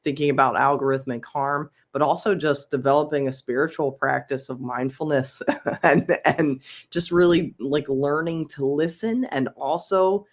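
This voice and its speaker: A woman's voice: deep voice, moderate pace. A woman from Philadelphia, a UX researcher guesting on a podcast, talking casually with many ums and easy laughs. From Philadelphia, USA. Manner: chatty, frequent ums, laughs easily. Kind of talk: casual interview chat.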